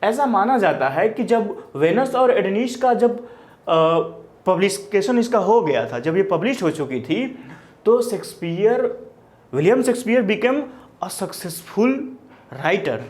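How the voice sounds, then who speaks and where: A male teacher with an Indian English accent delivers an exam-prep literature lecture at a slow, deliberate pace. His pitch rises and falls in a lively, animated way. He often repeats key terms and checks in with his students. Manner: explains in Hindi mixed with English, repeats key terms, asks and answers own questions; frequent "ठीक है?" checks with students.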